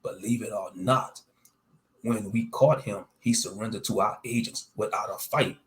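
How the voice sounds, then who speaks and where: A man's voice: fairly low pitch, normal speed, fairly bright tone. Man narrating a scripted monster story.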